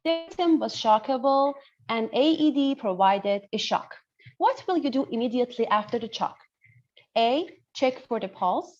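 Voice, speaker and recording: A pediatrician from northern Iran with an Iranian accent teaches an interactive online medical class indoors over a video call, the audio muffled. Her slightly high, expressive, darkish voice moves at normal speed as she explains and often checks that listeners are following.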